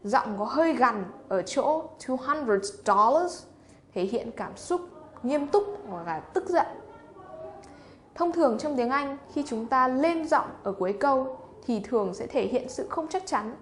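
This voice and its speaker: Slow-talking woman teacher. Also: high-pitched, expressive, slight background noise. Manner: explains slowly, switching between English and Vietnamese. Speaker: English teacher. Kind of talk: bilingual classroom instruction.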